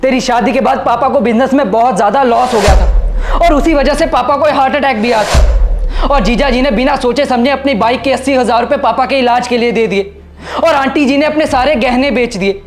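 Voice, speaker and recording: A man's voice: extremely high pitch, brisk, faint music behind. An actor playing a protective older brother who firmly scolds his sister. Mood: stern. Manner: firm, scolding. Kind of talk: short film acting.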